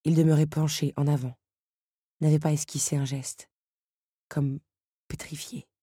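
A woman narrating a story in an expressive storytelling manner. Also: low voice, unhurried, husky, no echo, studio quality. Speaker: audiobook narrator. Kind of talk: scripted narration.

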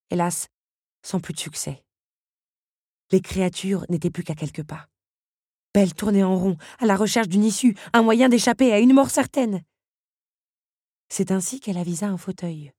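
A woman reading an audiobook in a steady, measured way. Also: medium pitch, slightly rough, no echo, studio quality. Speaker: audiobook narrator. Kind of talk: scripted audiobook narration.

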